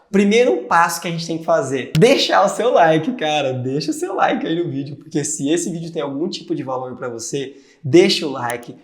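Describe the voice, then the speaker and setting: A man with a Brazilian Portuguese accent talking straight to the viewer about personal values, earnest and conversational, like a motivational video creator. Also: on the high side. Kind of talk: motivational talk to camera. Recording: roomy echo.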